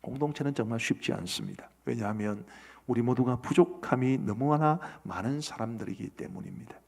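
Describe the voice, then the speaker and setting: Middle-aged male pastor, gravelly mid-range voice, earnest questioning sermon, long church reverb. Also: mid-range voice, lively intonation, brisk, darkish tone. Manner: earnest, asks the congregation questions. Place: church sanctuary.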